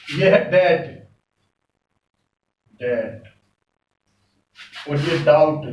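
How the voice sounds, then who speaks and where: Slow, high-voiced Indian teacher. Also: male voice, darkish tone. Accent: Indian English. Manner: slow, repeats each word several times. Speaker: English pronunciation teacher. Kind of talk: classroom lesson. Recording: echoey room, mic far off.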